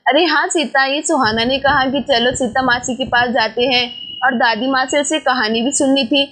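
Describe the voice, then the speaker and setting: A woman voicing a high, fussing village mom. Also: fairly even intonation, moderate pace, fairly bright tone. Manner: coaxing, motherly chatter. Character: caring young village mother, fussy and fond. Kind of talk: doll storytelling.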